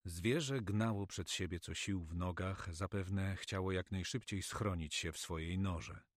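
A man narrating an adventure story as an audiobook reader, with steady storytelling delivery. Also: deep voice, a little slow, no echo, studio quality.

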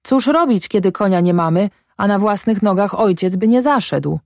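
A woman voicing a tired but energetic young German colonist woman in a storybook, answering briskly and proudly. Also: medium pitch, no room sound, studio quality, voice pushed up, natural voice. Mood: earnest.

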